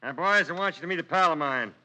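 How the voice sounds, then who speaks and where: A man playing a gruff gang boss. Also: on the high side, animated, fast talker, sharp tone, pitched above the performer's own voice, rough recording. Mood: commanding. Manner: gruff, commanding.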